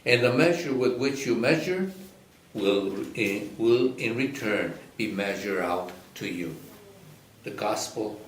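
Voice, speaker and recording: A man in the role of a priest or deacon at Mass, solemn and measured in his liturgical delivery, in an echoey church. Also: on the low side, lively intonation, a little hiss or hum. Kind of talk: liturgical scripture reading and chanting. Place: reverberant church during a service.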